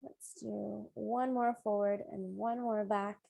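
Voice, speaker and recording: A woman's voice: mid-range voice, flat delivery, slow, gravelly, dark tone, no echo. A woman cueing exercises as an aerobics instructor, giving short, encouraging instructions and counts. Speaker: fitness instructor leading a beginner strength and flexibility class.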